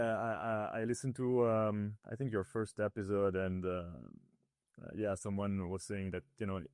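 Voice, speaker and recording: A man with a fairly low voice, recorded dry with clean studio sound. He grew up in Switzerland but comes from northern Italy and speaks Italian as his first language. As a ski builder guest in a casual interview, he uses lots of fillers and often restarts his sentences.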